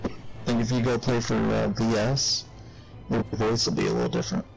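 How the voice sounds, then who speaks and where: A man talking over voice chat while gaming, hesitant and pausing often. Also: medium pitch, level tone, creaky, music in the background, rough recording. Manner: hesitant, many pauses and fillers. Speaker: gamer.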